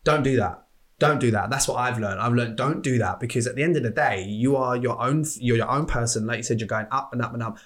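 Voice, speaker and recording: A man's voice: mid-range voice, fast talker. A man, a podcast guest chatting candidly and swearing freely as he tells stories. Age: 30s. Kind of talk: casual chat.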